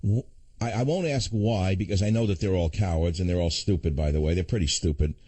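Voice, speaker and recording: A man's voice: low-pitched, brisk, warm tone, slightly rough, no room sound. A man hosting a talk radio show, emphatic, blunt and theatrical as he questions a guest.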